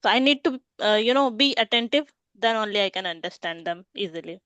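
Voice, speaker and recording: A woman's voice: medium pitch, animated, fairly quick, a bit bright, clean tone, no echo. A woman hosting a casual podcast conversation, speaking earnestly and reflectively with "you know" fillers. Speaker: podcast host.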